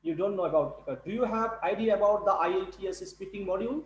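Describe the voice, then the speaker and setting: A male tutor running an online speaking class, halting and repeating words. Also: high voice, roomy sound, rough recording. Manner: halting, repeats words, non-native English. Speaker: English test tutor. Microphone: video call.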